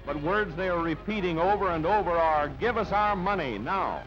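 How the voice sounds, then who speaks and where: This is a high-pitched, animated male narrator reading a newsreel script at normal speed. His delivery is clipped, punchy and dramatic, and the old soundtrack is dull and band-limited, with music in the background.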